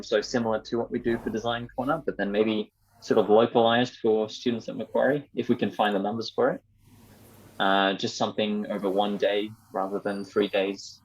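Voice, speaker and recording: A young man talking casually in a student society meeting over an online call with dull, lo-fi sound. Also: fairly low pitch. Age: young adult.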